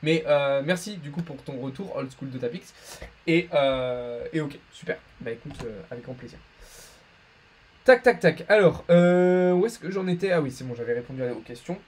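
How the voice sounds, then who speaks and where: A man's voice: fairly high pitch, animated, normal speed, poor audio. A man hosting a live market analysis stream, chatty and full of fillers and restarts, answering chat questions between chart talk, with a French accent.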